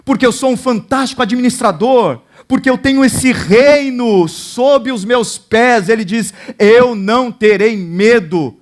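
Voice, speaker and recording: Brazilian guy preaching a sermon, high voice, goes from soft to loud and fired up. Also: unhurried, hardly any pauses. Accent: Brazilian Portuguese. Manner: impassioned preaching, swelling from hushed to loud. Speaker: pastor. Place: church sanctuary.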